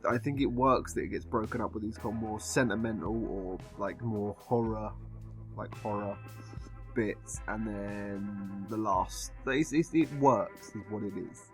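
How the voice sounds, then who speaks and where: A man with an English accent giving a casual film review, rambling and halting as if he has been drinking. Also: on the low side, soft background music. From England.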